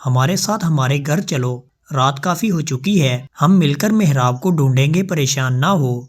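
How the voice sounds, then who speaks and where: A man voicing a kind young woman who gently reassures a stranger. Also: fairly high pitch, expressive. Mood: reassuring.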